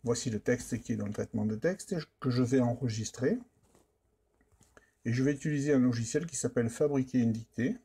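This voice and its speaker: A man presents a software tutorial step by step. His voice is dark and relaxed, with some huskiness. The delivery is plain and explanatory. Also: mid-range voice, slightly rough. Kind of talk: step-by-step screen demonstration narration.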